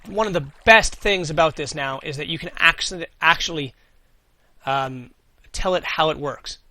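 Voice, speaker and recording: A man's voice: a little high, moderate pace, sharp tone, dry recording. A man giving casual gameplay commentary as host, thinking aloud and answering his own questions as he goes. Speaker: gaming video host.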